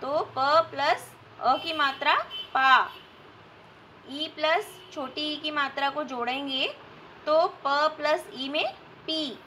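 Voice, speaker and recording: A woman teacher giving a recorded grammar lesson for children, slow and patient, spelling out sounds with examples. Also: high-pitched, steady tone, sharp tone, a little hiss or hum. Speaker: school teacher.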